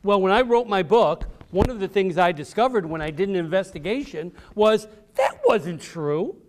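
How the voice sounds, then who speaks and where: This is a high, expressive male voice moving at a normal speed. The American author gives children at a library event an encouraging, dramatic story in simple phrases he stresses firmly.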